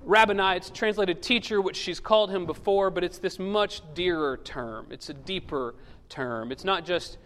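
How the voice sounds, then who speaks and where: A man preaches in church at a normal speed with few pauses, his high-pitched voice a bit bright. Humor runs through his storytelling as he acts out the voices of those in it, all under a large hall's long reverb.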